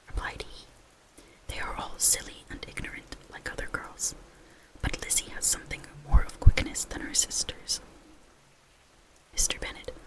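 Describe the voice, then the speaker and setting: Breathy whispered ASMR novel reading. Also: low-quality recording. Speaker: narrator.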